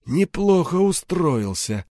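A man's voice: fairly high pitch, sing-song, slow, darkish tone, dry recording, studio quality, pitched above the performer's own voice. A man voicing a hardened male ex-cop turned criminal enforcer, who talks in a cold, threatening, mocking way. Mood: menacing.

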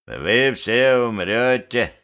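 A man voicing a talking male corpse who drones slow, ominous warnings in a self-made audiobook. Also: medium pitch, expressive. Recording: dull lo-fi home recording.

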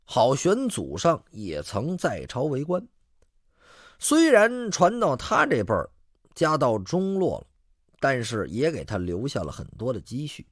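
A man's voice: medium pitch, wildly swooping pitch, measured pace, no echo, studio quality. A man telling a traditional story in a vivid, rhythmic, dramatic way.

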